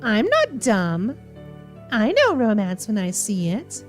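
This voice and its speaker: Over soft background music, a streamer who reacts to visual novels gives teasing, sassy, theatrical commentary and reads the game's dialogue aloud. She has a slightly high voice whose pitch swoops wildly, and she speaks slowly.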